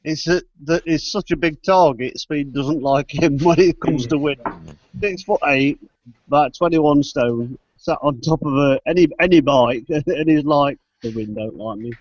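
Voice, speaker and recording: A man's voice: fairly high pitch, a little slow, slight background noise. Laughing man on a call. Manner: laughs often, loose and jokey. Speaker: show host. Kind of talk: casual group chat over video call. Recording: dull lo-fi call audio.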